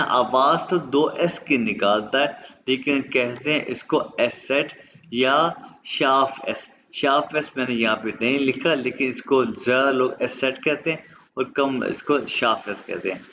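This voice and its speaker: Man, German teacher, Urdu first language, very slow deliberate pace, bright edge, dull lo-fi online class audio with faint noise. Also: mid-range voice. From Pakistan. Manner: slow, drawn-out pronunciation drills.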